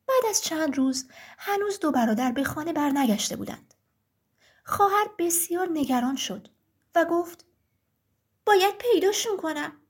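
A woman narrating a children's fairy tale in a calm, clear storytelling manner. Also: extremely high pitch.

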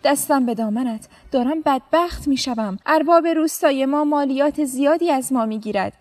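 A woman's voice: high-pitched, a little mellow, pitched above the performer's own voice, natural voice. A woman voicing a poor old bearded farmer who humbly pleads with a governor. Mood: pleading.

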